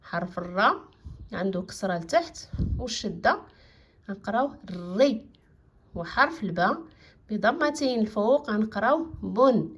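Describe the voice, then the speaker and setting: A woman with a Moroccan Arabic accent, teaching a children's reading lesson and stretching each word out slowly before explaining quickly. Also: mid-range voice, expressive, slightly rough. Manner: slow, drawn-out syllables when modelling words, quicker when explaining.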